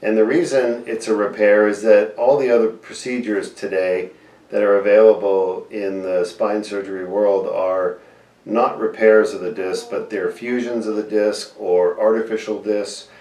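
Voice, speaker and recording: A man's voice: lowish voice, fairly even intonation, normal speed, darkish tone. A man, a surgeon interviewing his patient and explaining procedures in plain terms to viewers. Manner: explanatory, addresses viewers directly. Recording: distant mic in echoey room.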